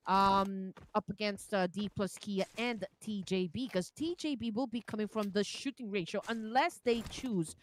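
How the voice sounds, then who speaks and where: A woman calling live esports play-by-play in an energetic, hype-building way. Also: mid-range voice, moderate pace, hardly any pauses, slight background noise. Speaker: esports caster.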